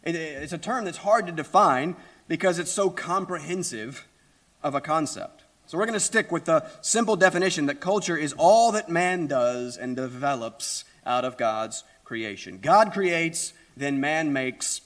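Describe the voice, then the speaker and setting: A male pastor delivers a sermon in a hoarse, raspy voice that sounds worn by illness. He phrases his points deliberately, leaning on key words and posing rhetorical questions. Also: a little high, lively intonation, a bit bright.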